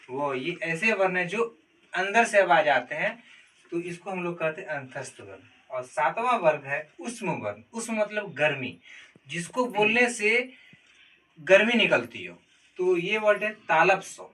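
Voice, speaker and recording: A man's voice: high-pitched, big pitch swings, measured pace, pushed and bright. A man teaching a grammar lesson, explaining step by step and calling out letters one at a time. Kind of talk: classroom-style Hindi grammar lesson. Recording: distant mic with faint noise.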